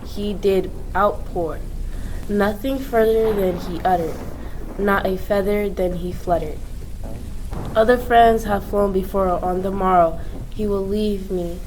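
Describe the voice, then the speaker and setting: A woman reads gothic poetry in a dramatic style at a very slow pace. Her pitch is average, with faint noise behind. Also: fairly even intonation, darkish tone, poor audio.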